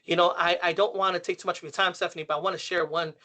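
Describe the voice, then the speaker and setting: An earnest man speaks as an interview guest. His voice sits a touch high and rings bright. He tells stories in an easy, repeating way. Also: level tone, very fast. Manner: earnest, storytelling, repeats phrases. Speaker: guest, senior social club director. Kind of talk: casual interview talk.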